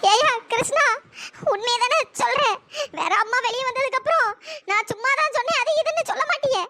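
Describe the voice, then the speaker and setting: A voice actor doing a shrill stubborn cartoon mother. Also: a little fast, pushed and bright, a little hiss or hum, exaggerated voice. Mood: melodramatic. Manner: melodramatic, pleading and threatening. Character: stubborn scheming mother, middle-aged woman. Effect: pitch-raised voice. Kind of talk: cartoon drama dialogue.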